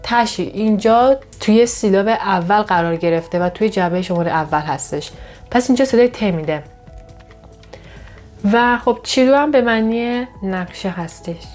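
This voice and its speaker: A woman teaches a pronunciation lesson in a patient, step-by-step way. She pauses to pronounce each example word carefully, often a bit higher and brighter than her explaining voice. Soft music plays faintly behind her. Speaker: Korean language teacher.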